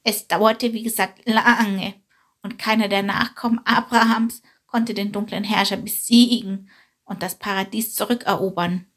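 A woman voicing a female goat in a storybook reading who tells old tales, mildly reproachful, with a breathy voice. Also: medium pitch, fairly even intonation, measured pace, fairly bright tone. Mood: storytelling.

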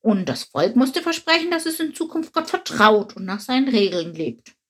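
A woman voicing a proud, grumpy old male dung beetle who speaks gruffly and explains things patiently. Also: on the high side, big pitch swings, moderate pace. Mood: explaining. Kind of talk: storybook reading.

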